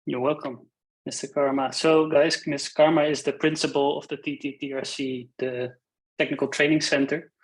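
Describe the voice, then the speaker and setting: A man's voice: on the high side, little pitch movement, normal speed, rough recording. A man moderating a video call, introducing the speaker and politely inviting the others to introduce themselves. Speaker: session moderator.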